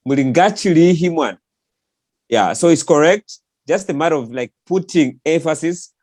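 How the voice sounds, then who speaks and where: A man's voice: fairly high pitch, expressive, moderate pace, a little mellow, no room sound. A man on an online call explaining a language point, with hesitant fillers and restatements.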